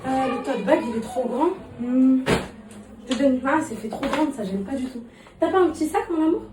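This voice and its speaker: A woman's voice: sits high, lively intonation, brisk. A woman who is a mother filming a casual vlog at home. She chats to camera and coos at her children. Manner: chatty, switches between cooing at her kids and confiding in viewers. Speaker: family vlogger and mother. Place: indoors at home. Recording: echoey room with loud background noise.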